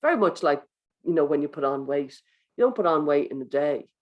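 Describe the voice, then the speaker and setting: A speaker giving a wellbeing talk to teachers in a gentle, coaching manner, guiding breathing exercises and acting out inner thoughts. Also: medium pitch, animated, brisk, dull audio. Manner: acts out inner thoughts in quoted voices.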